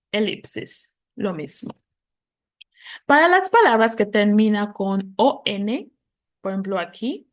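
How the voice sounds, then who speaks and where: An English teacher for Spanish-speaking learners walks through the rules for plural nouns at a slow, patient pace. Her voice is mid-range, and she spells letters out and models the English words slowly.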